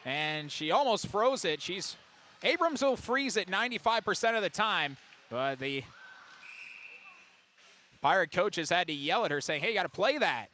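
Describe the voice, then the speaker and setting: A man calling a girls' high school hockey game as play-by-play announcer on radio, with rapid calls that jump to excited shouts on big plays. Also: slight background noise. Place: ice arena broadcast booth.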